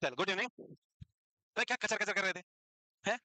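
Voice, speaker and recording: Bright, teasing male classroom teacher. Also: sits high, a little fast, no room sound, poor audio. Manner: teasing, scolding students while quizzing them. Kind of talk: classroom lecture.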